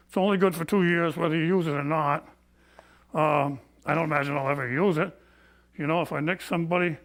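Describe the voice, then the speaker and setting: Breathless older man, high creaky voice. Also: a bit bright. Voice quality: breathless from COPD. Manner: folksy, plain-spoken, indignant. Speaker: barber. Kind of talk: personal storytelling, complaint.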